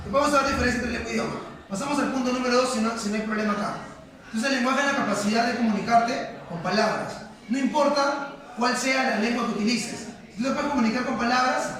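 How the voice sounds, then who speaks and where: A man's voice: extremely high pitch, fairly bright tone. Male teacher, lecturing and quizzing a class; distant mic in a roomy classroom. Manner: questioning, repeats points for emphasis. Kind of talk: classroom lecture with questions to students. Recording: echoey classroom from far off, students audible.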